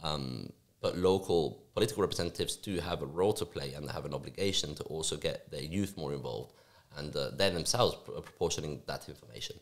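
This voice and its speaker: A young man from Spain speaks with a deep, low voice at a brisk clip. He talks on a podcast mic in a small office studio, restarting sentences as he goes. His answers sound quick and eager. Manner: fast, animated, with frequent restarts and fillers. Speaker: youth forum board member, guest. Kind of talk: conversational interview answers. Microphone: podcast mic on stand, headphones.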